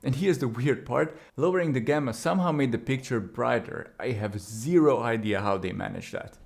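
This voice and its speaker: Gravelly-voiced male game reviewer. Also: mid-range voice, normal speed, slight background noise. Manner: opinionated, wry asides. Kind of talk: scripted video review narration.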